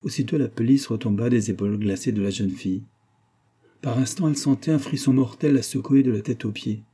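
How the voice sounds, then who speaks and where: A man reading a classic novel aloud in a measured, even storytelling manner. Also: medium pitch, breathy edge. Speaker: audiobook narrator. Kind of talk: scripted narration of a classic novel.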